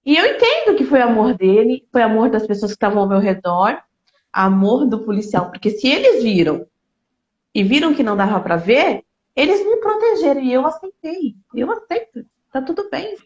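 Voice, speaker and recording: A fairly high, earnest woman in a roomy room. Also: sing-song, moderate pace, darkish tone. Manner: earnest, emotional, repeats phrases for emphasis. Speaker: speaker sharing a personal grief story. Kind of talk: heartfelt conversational talk. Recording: roomy, slightly dull sound.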